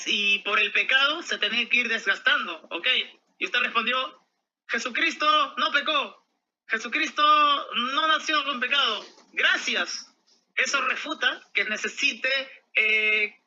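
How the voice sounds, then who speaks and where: A man's voice: very high voice, pushed and bright, dull audio. A man arguing in an online religious debate, emphatic and declaring his points like verdicts over a video call.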